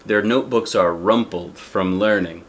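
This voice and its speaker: A man with a lowish voice reads a picture book to a young child at a moderate pace. He reads expressively and sprinkles in conversational asides and questions for the listener.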